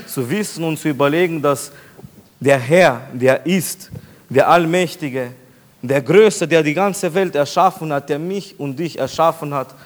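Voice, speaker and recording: A pastor preaching an emphatic sermon to his congregation, slowing down to repeat key phrases. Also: sits high.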